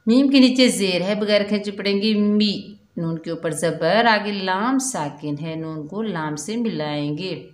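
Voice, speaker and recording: A woman teaching Quran recitation slowly and patiently, drawing out the recited words in a chant. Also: on the low side, roomy sound. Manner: slow, patient explaining with drawn-out chanted recitation. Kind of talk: step-by-step recitation lesson.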